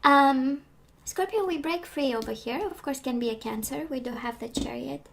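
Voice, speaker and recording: A woman's voice: high voice, normal speed, vocal fry. A woman giving a casual tarot reading, losing her voice and talking with many hesitations and restarts. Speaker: tarot reader. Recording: noticeable background noise.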